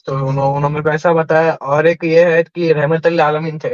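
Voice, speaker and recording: Indian male caller, a touch higher, polite and unsure, dry muffled call line. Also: little pitch movement, a little fast, no room sound. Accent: Indian Hindi. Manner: hesitant, deferential, calls the host sir. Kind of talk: online debate call. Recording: dull, dry call audio.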